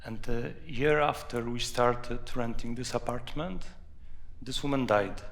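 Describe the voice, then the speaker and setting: A Polish man with a Polish accent and a creaky voice, an author telling personal anecdotes in a halting, deliberate way. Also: medium pitch. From Poland. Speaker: author, guest. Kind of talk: anecdotal storytelling at a live talk.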